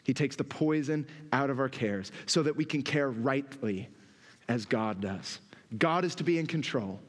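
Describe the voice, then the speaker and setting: A man preaching a sermon as pastor, expressive and animated, acting out the inner voices of his listeners. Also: mid-range voice, normal speed. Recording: long reverb from a church hall.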